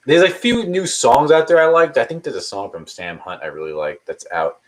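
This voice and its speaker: Here's a man in his early 30s with an expressive mid-range voice, talking a little fast. He answers viewers' questions in a relaxed live stream chat, though his replies ramble, falter, and restart frequently.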